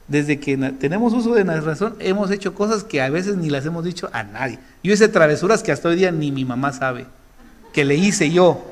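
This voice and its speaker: A man giving an informal sermon to a congregation, telling personal stories with halting restarts. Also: a little high. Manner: conversational, halting restarts, laughs at his own story. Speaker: preacher.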